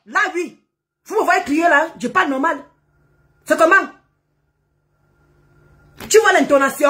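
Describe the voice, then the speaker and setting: A woman, ranting loudly at commenters during a live stream, combative and often shouting. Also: high voice. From Cameroon.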